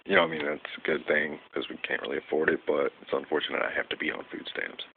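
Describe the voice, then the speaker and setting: A man's voice: extremely low pitch, steady tone, fast talker, creaky. A young man rambling casually in a vlog, full of fillers and losing his train of thought. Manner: rambling, loses track, many fillers. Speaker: vlogger. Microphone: phone. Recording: tinny phone recording with faint noise.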